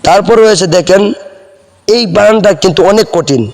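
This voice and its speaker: A man's voice: high voice, a little mellow, in a large hall. A man teaching spelling, sounding words out letter by letter and often checking that the listener has understood. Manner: spells words out slowly letter by letter, repeats them. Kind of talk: spelling lesson.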